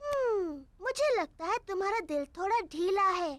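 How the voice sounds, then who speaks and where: A woman's voice: extremely high pitch, animated, moderate pace. A woman voicing a bossy, playful little girl piglet with a childlike, chirpy manner in a children's cartoon dub. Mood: playful, matter-of-fact. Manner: childlike, chirpy, matter-of-fact. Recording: music behind the voice.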